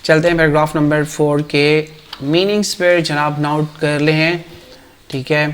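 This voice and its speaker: A male teacher with a Pakistani accent and a fairly high voice works through a textbook passage. He reads the English lines slowly and carefully, then breaks into quick Urdu explanation. He keeps asking questions as if quizzing a class. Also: little pitch movement. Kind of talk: textbook lesson, reading English and translating to Urdu.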